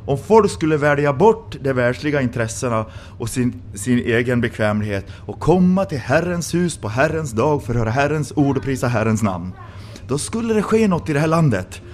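A man's voice: mid-range voice, sing-song, a little mellow, a little hiss or hum. A man from Sweden preaching a sermon in a church, with impassioned rhetorical questions that rise to exclamations.

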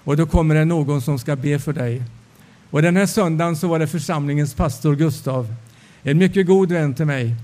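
Man preaching a testimony, slightly high. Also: warm tone. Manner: storytelling, acting out dialogue. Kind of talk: sermon testimony.

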